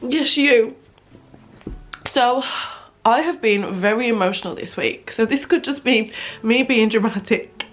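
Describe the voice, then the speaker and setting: A young female vlogger talks candidly to the camera in a casual vlog, chatty and emotional and at times close to tears. Her voice is fairly high and her pace measured.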